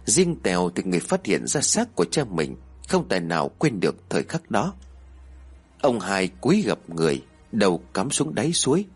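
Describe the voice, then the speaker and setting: A man narrating a horror story in an expressive, dramatic storytelling manner. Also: lowish voice, normal speed, breathy edge, faint music behind.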